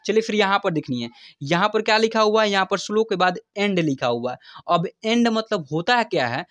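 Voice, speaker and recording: A man's voice: high voice, expressive, brisk, a bit bright, no echo. A man teaching a spoken lesson, spelling words letter by letter and asking his students questions. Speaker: English teacher on a video channel.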